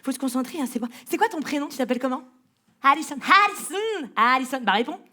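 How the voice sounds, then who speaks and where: A woman's voice: sits high, lively intonation, rapid-fire. A female comedian doing stand-up on a festival stage, teasing a spectator and playfully mangling words.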